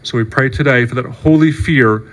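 A man's voice: mid-range voice, normal speed. A male priest giving a sermon in an earnest, conversational way, often checking in with "right?" and "okay". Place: church.

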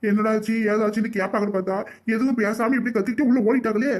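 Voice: mid-range voice, steady tone, quick pace, darkish tone, close to an everyday voice. A performer voicing an injured, baffled grown son in a cartoon comedy, complaining in a Kanyakumari Tamil accent. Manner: exasperated, complaining.

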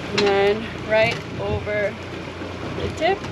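A woman in her thirties giving a relaxed, step-by-step how-to demonstration on an open boat, filmed with an action camera. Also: mid-range voice, slow, muffled recording. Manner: relaxed, step-by-step explaining with fillers like "like" and "so". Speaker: spearfishing vlogger. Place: open boat deck on the sea, outdoors. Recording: action camera with loud wind and sea noise. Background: loud wind and water noise.

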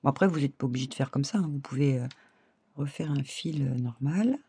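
A woman's voice: very deep voice, brisk, mellow, breathy edge. A middle-aged woman hosting a casual craft tutorial, chatting with viewers as she works. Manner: chatty, laughs often, addresses viewers directly.

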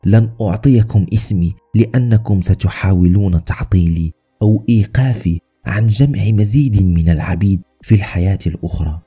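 A man voicing a cold, boastful male serial killer in a narrated true-crime story, with a flat, menacing delivery. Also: fairly low pitch, a little fast, slightly rough, faint music behind.

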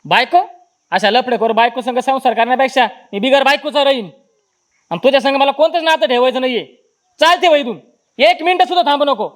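An actor playing a betrayed rustic husband, speaking in an accusing, scornful way. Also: male voice, extremely high pitch, a little fast, a bit bright. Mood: angry.

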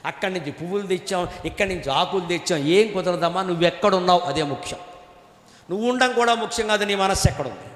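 A man giving a spiritual discourse, animated and teasing, sometimes chanting verses. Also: sits high, quick pace. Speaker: spiritual lecturer. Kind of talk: Telugu religious discourse. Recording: echoey hall.

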